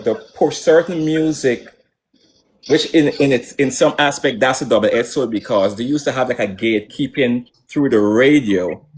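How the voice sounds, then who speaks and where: A man's voice: medium pitch, darkish tone. A man from Guyana, a musician guest answering questions in a casual online interview, full of restarts and hesitant fillers. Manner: rambling, hesitant with many restarts.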